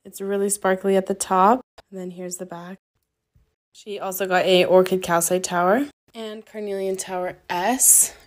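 A woman's voice: medium pitch, flat delivery, normal speed. A young woman who runs a small shop, chatting casually and upbeat as she lists items one by one while packing orders. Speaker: crystal shop owner.

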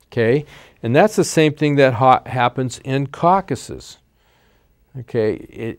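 Male talk host, mid-pitched, explanatory monologue with repeated check-ins, dry close sound. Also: a little mellow, dry recording. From United States.

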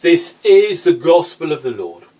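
A man reads scripture and preaches in a measured, deliberate manner. His voice sits a little high for a man. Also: sing-song, mellow, slight background noise, poor audio. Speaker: priest. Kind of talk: scripture reading and sermon.

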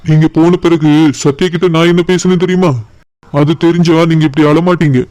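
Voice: medium pitch, little pitch movement, fairly quick, darkish tone, natural voice. A voice actor playing a young married husband in a cartoon, reasoning and pleading with a suspicious wife, with a little sarcasm. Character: patient married young husband defending himself. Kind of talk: cartoon voice acting.

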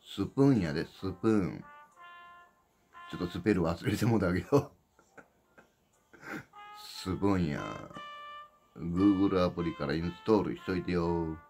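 A man's voice: deep voice, normal speed, long pauses, warm tone. A man with a Kansai accent, casually announcing his upcoming livestream in a blunt, rambling way that repeats itself. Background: background music.

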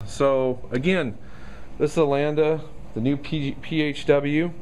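A man's voice: a little high, steady tone, a little slow, a little mellow, slight background noise. A man giving a casual product walkaround demo of a machine in a store showroom, talking loosely with many ums and uhs. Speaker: equipment salesman.

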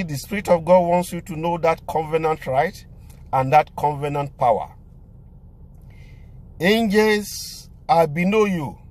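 A man, a pastor preaching and praying with emphatic, repeated declarations, recorded on a phone inside a car. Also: fairly high pitch. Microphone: phone camera at arm's length.

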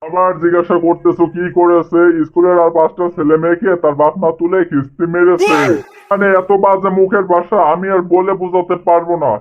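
A man's voice: high voice, flat delivery, brisk, noisy background, natural voice. A man playing an exasperated schoolteacher who lectures a parent about a rude boy, in a cartoon. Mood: lecturing. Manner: indignant, lecturing. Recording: tinny phone-like audio with music.

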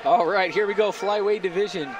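A man's voice: sits high, brisk. A man giving live play-by-play commentary on amateur MMA fights. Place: indoor arena, cageside. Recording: very loud crowd noise. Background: loud crowd.

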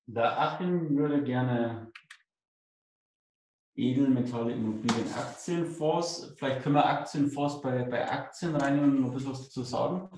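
A man's voice: medium pitch, moderate pace, darkish tone, slight background noise. A man in his thirties, hosting, putting in brief questions and suggestions. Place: office room. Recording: very echoey room, distant mic.

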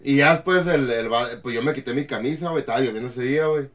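Fast-talking guy telling a story. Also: medium pitch. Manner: slangy, animated storytelling. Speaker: podcast co-host. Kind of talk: casual chat.

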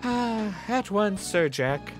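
A man's voice: high voice, lively intonation, takes it slowly, soft background music, voice pushed up. Een man die een stotterende, schuchtere jonge bediende speelt. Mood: eager. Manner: stammering, nervous and polite. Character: timid clueless young male servant.

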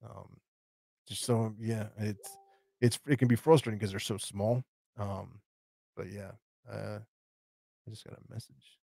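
A man's voice: on the low side, steady tone, measured pace, vocal fry, long pauses, warm tone, dry recording. A man hosting a live stream, casually rambling through viewer questions with lots of fillers and restarts. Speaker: tarantula channel host.

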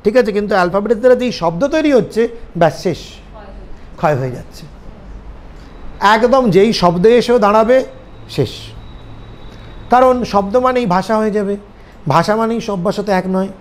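Speaking fairly quickly in a high-pitched voice broken by long pauses, a Bengali-accented man teaches a seminar. His lecture to students lays out ideas while often making sure everyone keeps up.

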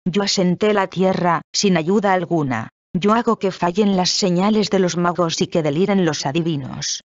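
A reader giving a measured, solemn scripted reading of a Bible passage. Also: medium pitch, dry recording, highs cut off.

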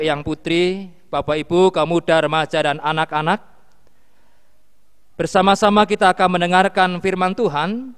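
A man leads worship as a pastor, reading scripture at a slow, solemn pace. His voice sits high and rings smooth and clear. Long reverb trails each phrase. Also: fairly bright tone. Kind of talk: liturgical prayer and scripture reading.

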